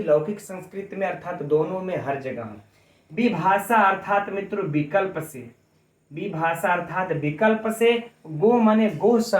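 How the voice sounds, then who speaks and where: A man's voice: sits high, roomy sound. A man teaching a grammar lesson in exam-coaching style. He explains step by step, often calls the students friends and quizzes them.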